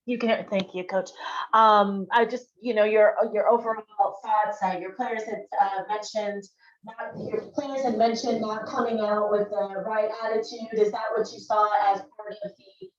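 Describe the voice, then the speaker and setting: A woman reporter puts a question over a remote call, hesitating and restarting as she goes. Her voice comes through dull and muffled, as if from underwater, on a lo-fi call line. She sits mid-range in pitch. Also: fairly even intonation, reverberant, far from the mic. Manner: hesitant, halting, full of fillers and restarts. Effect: muffled, underwater-sounding remote call audio. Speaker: reporter asking a question at a press conference. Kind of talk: remote press-conference question. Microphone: remote call connection.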